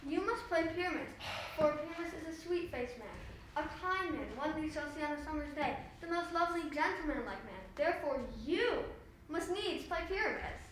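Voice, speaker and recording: A fussy carpenter calling the roll of his amateur actors, played by a woman. The voice is high and brisk in manner. It comes from a distance, with heavy room echo and a faint hiss behind it. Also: a bit bright. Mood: coaxing. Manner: businesslike, directing the others. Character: fussy organizing male carpenter, Peter Quince. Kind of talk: Shakespeare scene performance. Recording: very echoey room, voice heard from a distance.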